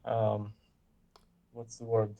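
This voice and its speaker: A man in a casual conversation, explaining ideas in a measured way and often pausing to search for words. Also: on the low side, completely flat delivery, creaky, dark tone. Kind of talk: casual chat.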